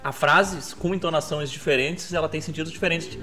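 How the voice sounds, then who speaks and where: A man's voice: fairly high pitch, a little fast, bright, forceful tone. A man hosting a podcast, explaining his ideas thoughtfully, with hedges and repeated words. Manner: thoughtful, hedging, many repetitions. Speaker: podcast host. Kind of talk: casual podcast chat.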